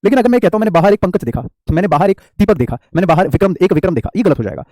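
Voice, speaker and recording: A man's voice: sits high, animated, very fast, a little mellow, no room sound, clean studio sound. A man teaching an English grammar class, explaining patiently and asking his students questions. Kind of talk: classroom lesson.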